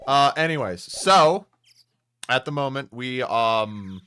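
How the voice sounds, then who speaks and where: A man's voice: mid-range voice, expressive, slow, bright, forceful tone, clean tone. A man streaming live, chatting casually and rambling while setting up a game voice-over, swearing now and then. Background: faint music.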